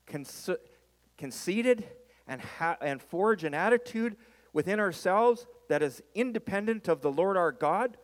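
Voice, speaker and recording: Guy pastor preaching, highish voice, really emphatic, repeats stuff for drama, big echoey hall. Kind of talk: sermon. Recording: reverberant hall.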